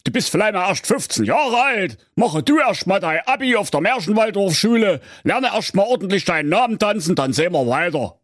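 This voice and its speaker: A blunt, hard-hearted fairy-tale father lectures in a raised, lively voice, as a man puts him on. He scolds with plain bluntness. The sound is dry and close. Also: high voice, fairly quick, hardly any pauses, no echo, voice pushed up. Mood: lecturing. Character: gruff hard-hearted middle-aged cheese-carver father. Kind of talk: comic fairy-tale parody.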